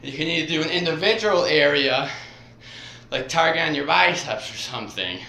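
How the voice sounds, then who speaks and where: A man's voice: a little high, animated, vocal fry, pushed and bright. Breathless man rambling through stretches. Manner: rambling, halting, strings phrases with "and". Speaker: vlogger. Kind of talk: casual exercise demonstration vlog. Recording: roomy echo, faint background hiss.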